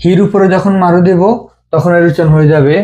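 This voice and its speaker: Guy teaching japanese letters, mellow voice, slow and patient, repeats every sound. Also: fairly high pitch, fairly even intonation. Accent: Bengali. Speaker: language teacher. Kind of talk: step-by-step script lesson.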